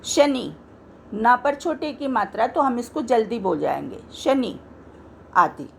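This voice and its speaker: A woman's voice: fairly high pitch, big pitch swings, a little slow, creaky, a little hiss or hum. A woman teaching a Hindi grammar lesson, explaining patiently and pointing to words she has marked.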